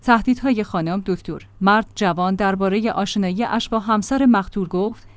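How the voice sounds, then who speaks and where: A woman reading a crime news report in a measured, formal narration. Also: mid-range voice, no echo.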